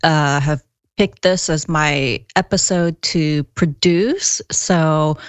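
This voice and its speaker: A woman's voice: low voice, slow, clean tone, no echo. A woman hosting a podcast in casual conversation. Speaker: podcast co-host. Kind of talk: casual chat.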